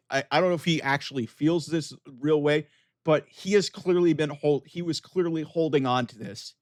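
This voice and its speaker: A man's voice: fairly high pitch, no room sound, clean studio sound. A man giving casual, opinionated video commentary, arguing his points emphatically and directly to his viewers. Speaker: wrestling commentator with an online channel.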